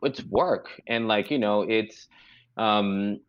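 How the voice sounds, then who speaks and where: A man's voice: fairly low pitch, slow, clear, resonant tone, no room sound, dull audio. A man from the Dominican Republic who grew up in Mexico, a physician talking in a podcast interview, hesitant with many fillers. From Dominican Republic, raised in Mexico.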